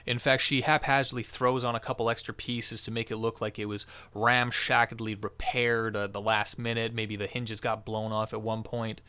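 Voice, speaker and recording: A man's voice: on the low side, level tone, normal speed, hardly any pauses, pushed and bright, clean tone. A man hosting a crafting tutorial, narrating the build in an encouraging, jokey way.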